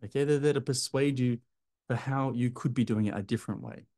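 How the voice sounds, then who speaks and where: A man in his thirties coaching clinic owners straight into the camera, punchy and emphatic, hands moving as he talks. His voice sits at a middle pitch with a dark, mellow tone. He is recorded close up in a bright room at home. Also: brisk. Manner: energetic and emphatic, gestures a lot, addresses viewer as "my friend". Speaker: clinic business coach, video host. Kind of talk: direct-to-camera advice talk. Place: bright indoor apartment room by large windows.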